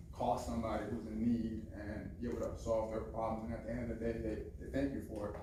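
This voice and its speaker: A man from Haiti earnestly telling how he got started, speaking steadily with some restarts. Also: mid-range voice. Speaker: event speaker. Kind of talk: casual self-introduction talk. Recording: echoey room from a distance with noise.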